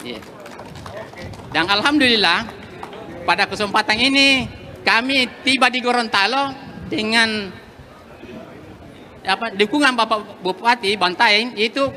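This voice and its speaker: A man's voice: high voice, unhurried, pauses often, sharp tone. A man speaking earnestly as a farmer group representative, addressing an official at a public forum. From South Sulawesi, Indonesia. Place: outdoors.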